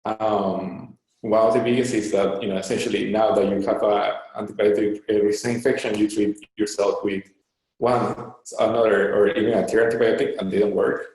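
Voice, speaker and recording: A man's voice: on the low side, level tone, darkish tone. A man in his thirties from Peru, a startup co-founder answering interview questions with lots of fillers and restarts. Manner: halting, many fillers and restarts. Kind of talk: online Q&A interview. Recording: very echoey room.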